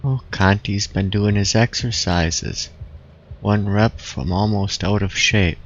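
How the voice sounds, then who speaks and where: A man streaming a game, chatting in a relaxed, musing way with frequent trailing restarts. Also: lowish voice, slow, a little hiss or hum. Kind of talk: casual gameplay chat. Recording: dull lo-fi mic.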